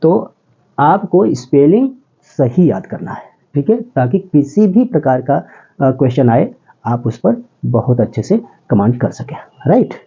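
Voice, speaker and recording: A man's voice: medium pitch, very animated, measured pace, mellow, husky, muffled recording. A man teaching English grammar step by step, often asking his students if they follow and calling them "beta". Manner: explains step by step, often checks with "ठीक है?". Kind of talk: classroom lesson.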